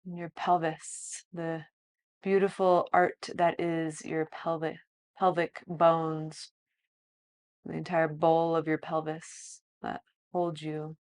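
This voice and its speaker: Her voice sits low and her delivery is flat as this yoga teacher talks listeners through yoga nidra relaxation. Like a bedtime story narrator, she keeps things soft and calming, letting long silences stretch out.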